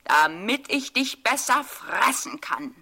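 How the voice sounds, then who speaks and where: A woman's voice: on the high side, sing-song, slow pace, pushed and bright, husky, voice pushed up, exaggerated voice. A woman doing a sly big bad wolf.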